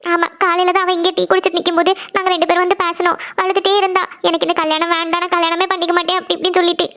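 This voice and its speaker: Someone doing a worried, squeaky cartoon mother. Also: completely flat delivery, sharp tone, lo-fi sound, exaggerated voice. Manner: slow, anxious, sorrowful talk. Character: worried tearful mother, a woman's elder sister. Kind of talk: Tamil cartoon series dialogue.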